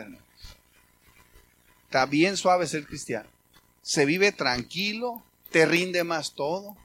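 A man's voice: fairly high pitch, a little hiss or hum. A middle-aged man with a Mexican Spanish accent giving a sermon testimony, telling stories and quoting conversations in a chatty way. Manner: conversational storytelling, animated quoting. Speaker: preacher.

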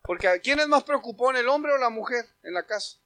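A man preaching a sermon, shouting out scripture and quoted lines with passion. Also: very high-pitched, lively intonation, fairly quick, slight background noise.

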